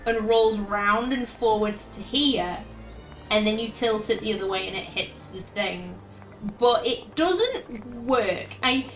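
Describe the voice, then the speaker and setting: A woman's voice: fairly high pitch, a bit bright. A woman streaming a video game, chatting casually and thinking aloud as she plays. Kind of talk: casual chat while gaming. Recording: echoey room, distant from the mic. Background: game music.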